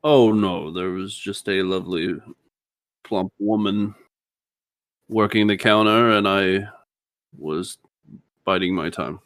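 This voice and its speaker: A man's voice: sits low, steady tone, slow, long pauses, a bit bright, no echo. A man playing a tabletop role-playing game who speaks in character and laughs often.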